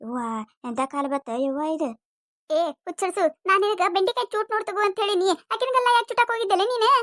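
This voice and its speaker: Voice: extremely high pitch, fast talker, a bit bright, no echo, clean studio sound. A voice actor playing a gossipy, tut-tutting older village neighbor with a North Karnataka accent in a cartoon comedy.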